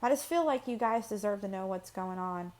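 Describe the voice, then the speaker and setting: A woman's voice: medium pitch, brisk, darkish tone. A woman hosting her own channel, talking casually and personally to camera, rambling with fillers and restarts. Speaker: channel host. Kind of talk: personal vlog talk to camera.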